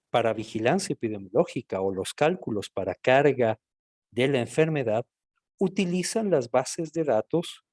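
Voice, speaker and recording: An Ecuadorian physician with an Ecuadorian Spanish accent delivers a measured, explanatory medical lecture, speaking directly to his listeners. His medium-pitched voice is warm, and the recording is dry and studio quality.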